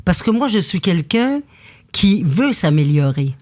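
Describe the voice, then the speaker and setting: A woman's voice: fairly low pitch, measured pace. A woman from Quebec, a guest in a candid conversation who tells her stories with intensity. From Quebec, Canada. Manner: intense, animated storytelling.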